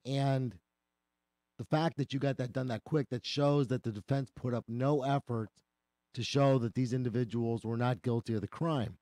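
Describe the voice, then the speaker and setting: Mellow-voiced attorney, slightly hoarse. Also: male voice, medium pitch, steady tone, moderate pace, no room sound. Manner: earnest, explanatory. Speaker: attorney guest. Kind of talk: radio talk, explaining a legal case.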